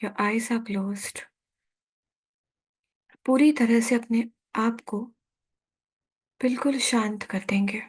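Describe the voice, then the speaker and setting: A woman with an Indian accent and a fairly high, slightly rough voice guides a meditation for sleep. She speaks slowly, calmly and soothingly, pausing at length between instructions.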